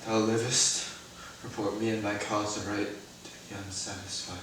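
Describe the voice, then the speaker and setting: An actor playing a poisoned prince in a Shakespeare tragedy, bleeding out, coughing and gasping in halting, broken phrases. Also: male voice, on the low side, level tone, a bit bright, natural voice. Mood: dying, anguished. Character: dying poisoned Danish prince, anguished and urgent. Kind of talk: classical Shakespeare stage acting. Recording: echoey room, far from mic, noisy.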